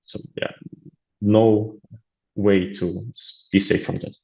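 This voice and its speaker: Slow and fairly flat in pitch, this lowish, darkish voice with vocal fry comes through dull audio. The speaker, an aid volunteer and native Russian speaker with a Latvian accent, talks casually as an interview guest, stumbling over fillers and starting sentences again.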